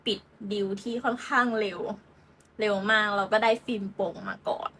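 A woman's voice: medium pitch, steady tone, moderate pace, sharp tone, a little hiss or hum. A young woman hosting a football channel, chatting casually about transfers in a giggly, playful way with lots of fillers.

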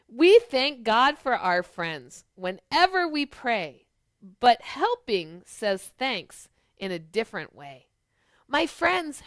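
Sitting on a couch in a small living room at home, a middle-aged woman hosts storytime for small children, animatedly mixing chat, questions and picture-book reading. Her high voice swoops widely at an unhurried pace, and the recording is dry and studio quality.

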